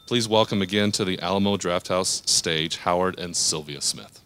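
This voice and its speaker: Deep-voiced man moderating a stage interview. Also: normal speed, a bit bright, slight background noise. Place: theater stage.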